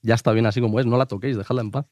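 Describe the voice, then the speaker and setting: A man's voice: medium pitch, steady tone, a little mellow, no room sound. A young man from Spain with a Spanish accent, a golf analyst chatting on a sports show, eager and restarting his sentences. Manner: rapid, enthusiastic, restarts sentences. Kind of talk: casual sports chat.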